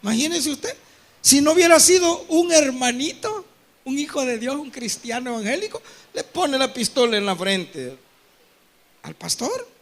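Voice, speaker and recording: A man preaching a sermon with a Salvadoran Spanish accent, telling stories animatedly, acting out dialogue and breaking into shouts, often checking in with his congregation. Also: extremely high pitch, moderate pace. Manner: animated storytelling with frequent asides to the congregation; acts out quoted dialogue and bursts into shouting. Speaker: pastor.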